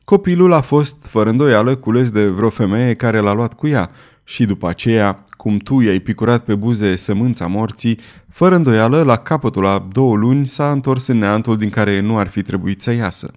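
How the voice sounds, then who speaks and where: A man's voice: fairly low pitch, darkish tone, natural voice. Cold commanding queen, ruthless schemer in a storybook reading, read by a man; casting: plain audiobook reader doing her lines. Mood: cold, scornful. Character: scheming ruthless queen, middle-aged woman.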